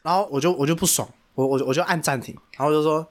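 A man's voice: a little high, very fast. A man co-hosting a casual podcast, telling a story animatedly and repeating himself for emphasis. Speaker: podcast co-host.

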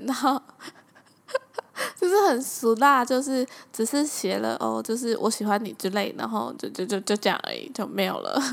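Podcast host, young Taiwanese woman, slightly high, chatty, laughs often. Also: creaky. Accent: Taiwanese Mandarin. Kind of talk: casual storytelling monologue.

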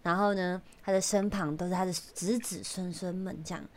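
A woman hosting a podcast, telling jokes in casual chat, chatty and quick to laugh. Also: on the low side, steady tone, a little mellow. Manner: chatty, laughs often, earnest. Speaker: podcast host. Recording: remote recording, limited quality.

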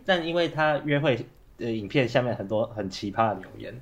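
A man with a Taiwanese Mandarin accent chats casually as a podcast co-host. His medium-pitched voice is muffled by a face mask, and he has a cold with a cough. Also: lively intonation, a little fast. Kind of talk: casual chat.

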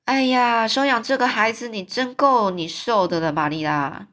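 A blunt middle-aged neighbor woman in a storybook, voiced by a woman narrator, who scolds with no tact at all. Her voice is pitched up and pushed a little louder than normal talk. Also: lively intonation, normal speed. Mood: huffy.

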